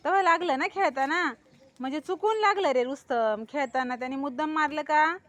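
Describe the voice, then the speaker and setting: A woman's voice: sits high, a little fast, a bit bright, dry recording. A woman teacher coaxing young pupils with patient questions in a school classroom.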